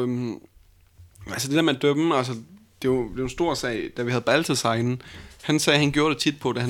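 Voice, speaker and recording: A young man co-hosting a podcast, talking casually with many fillers and restarts. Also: mid-range voice. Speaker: podcast co-host and battle judge.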